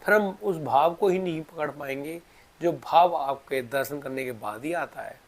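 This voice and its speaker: A man's voice: fairly high pitch, normal speed, close to an everyday voice. A man voicing a stubborn, devoted old male ascetic who scolds in rustic speech. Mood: tearful devotion.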